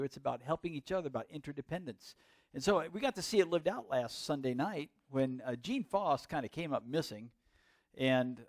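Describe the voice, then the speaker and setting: A man's voice: a little high, no room sound. A man with an Upper Midwest American accent preaching a sermon in a casual, rambling, conversational way. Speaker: pastor.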